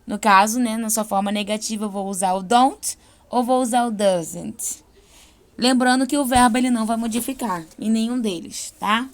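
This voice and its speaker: A young adult woman with a Brazilian accent teaching an English class, explaining patiently and slowing down for example sentences. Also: on the high side. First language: Portuguese. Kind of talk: online class lesson.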